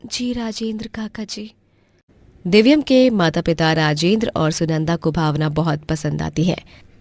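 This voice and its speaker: A woman narrating a storybook cartoon in an even, dramatic telling. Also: deep voice, no echo.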